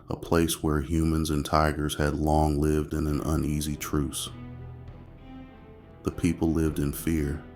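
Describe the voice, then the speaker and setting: A man narrating a nature documentary from a script in an ominous, dramatic way, with slow phrasing and weighty pauses. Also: rumbling low, a little mellow.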